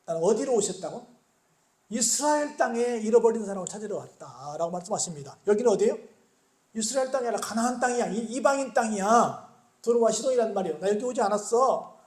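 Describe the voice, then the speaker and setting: A male pastor delivers a sermon in a high-pitched voice. He keeps asking the congregation questions, answers them himself, and voices the figures of the story as he goes. The sound is roomy, with the echo of a church sanctuary. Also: expressive, quick pace, a little mellow. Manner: acts out the biblical speakers in quoted lines.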